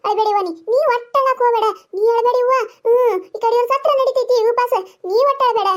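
Talking fast in a very high, fairly even-toned voice, a woman with a North Karnataka accent voices a nagging village mother-in-law in a cartoon comedy, complaining and talking to herself.

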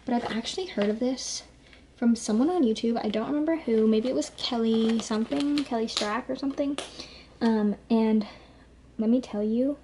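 A young woman in her twenties talks to camera at home, chatty and full of fillers, a touch out of breath. Her voice sits a little high. Faint noise is heard behind her. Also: normal speed, warm tone. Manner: chatty, filler-heavy, bubbly. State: slightly out of breath. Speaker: vlogger. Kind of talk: casual chat to camera.

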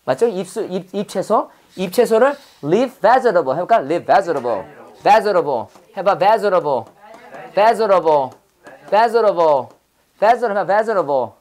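An English teacher with a lowish voice speaks slowly as she runs a classroom vocabulary lesson. Playful and lively, she drills each word aloud and weaves in pun stories, acting out the voices.

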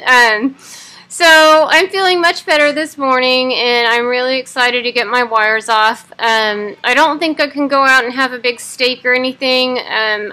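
In her living room, a woman in her thirties gives a casual personal video update as a vlogger, talking through teeth clenched by a wired-shut jaw. Her voice is on the high side with a sharp tone.

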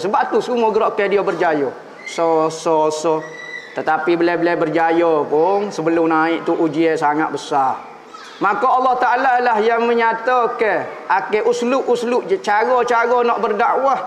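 A Malaysian man, telling a religious story as a preacher, his pitch swinging between high and low as he acts out the story. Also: slight background noise. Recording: echoey hall, faint room ambience.

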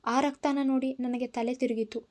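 A woman voicing a calm, forgiving young woman who speaks softly to soothe a friend, in a storybook reading. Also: high voice, normal speed, close to an everyday voice. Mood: placating. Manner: soft, placating.

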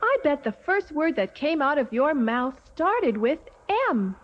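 A woman narrating a children's letter lesson in a slow, playful, sing-song way. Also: high voice, big pitch swings. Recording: dull lo-fi track with faint music.

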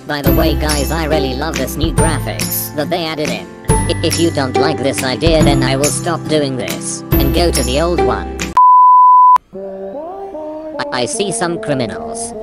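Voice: mid-range voice, lively intonation, a little slow. A game streamer talking through a robot voice filter in casual gameplay commentary, often stammering and restarting words. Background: loud background music.

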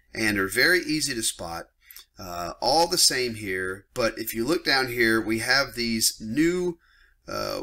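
A man's voice: medium pitch, pushed and bright, husky. A middle-aged man teaching a lesson on pilot regulations, blunt and emphatic, getting worked up and tossing casual asides to his viewers. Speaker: flight instructor. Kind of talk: screen-share lesson on aviation regulations.

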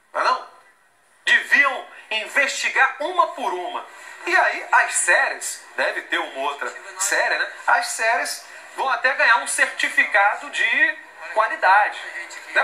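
A man's voice: very high voice, pushed and bright, echoey room. A man in his forties with a Brazilian accent, a news anchor in a studio giving sarcastic, emphatic commentary while reading out a statement. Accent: Brazilian Portuguese. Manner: indignant, sarcastic, emphatic, gesturing. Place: television studio.

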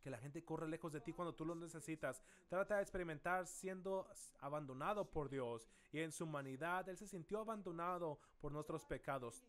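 A man pastor preaching a sermon in a church, dramatic, dropping soft and slow then rising to loud calls. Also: high voice.

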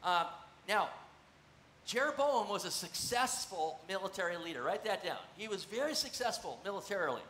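Seated on a stool and gesturing, a middle-aged pastor gives a sermon in a high, bright voice at a moderate pace, animated and conversational. The recording catches the roomy echo of the large church stage plus a faint hiss.

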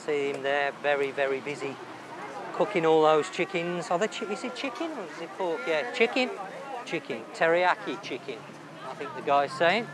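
With a slightly high, animated voice at a moderate pace, a travel vlogger guides viewers through a bustling outdoor night market. He chats with enthusiasm and ponders the food aloud, filming on a handheld camera over loud crowd noise.

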